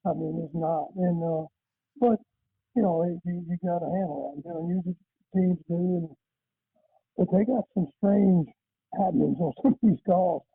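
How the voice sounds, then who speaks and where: A man's voice: sits high, steady tone, moderate pace, gravelly, slight background noise. An older coach calling in to a radio show, rambling in a folksy way, his voice fading because the phone is held away from his mouth. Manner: rambling, folksy, with many restarts. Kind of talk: radio call-in chat. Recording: tinny dry phone line.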